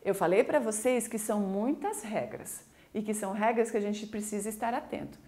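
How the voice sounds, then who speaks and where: A woman English teacher with a Brazilian Portuguese accent, giving a recorded school video lesson in a lively, coaxing way. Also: mid-range voice. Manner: lively, coaxing, slow deliberate explanations.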